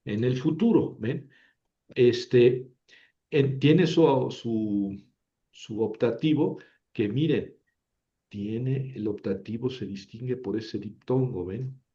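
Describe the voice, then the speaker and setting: Male language teacher, mellow tone, unhurried patient delivery, repeats each form. Muffled lo-fi recording. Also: medium pitch. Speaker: Ancient Greek teacher. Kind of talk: recorded grammar lesson.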